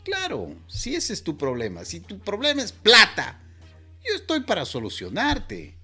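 A man's voice: sits high, wildly swooping pitch, a little slow, bright, forceful tone, slightly rough, soft background music, pitched above the performer's own voice, heavily acted. An Ecuadorian man quoting a friendly, persuasive male taxi driver in a coaxing, reassuring way.

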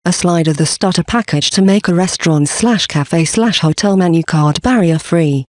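Guy reading out a company pitch off a script, kinda high voice, dry sound, spells out symbols and numbers one by one. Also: moderate pace, no room sound. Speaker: company presenter. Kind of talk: scripted presentation narration.

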